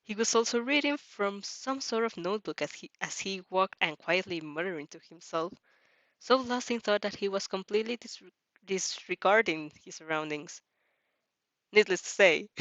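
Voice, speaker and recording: A woman reacting to fan fiction reads it aloud casually, giggling in asides and stumbling over words. Her voice is average in pitch with a fairly bright tone, recorded very dry with no echo and little room sound, on slightly dull, lo-fi audio.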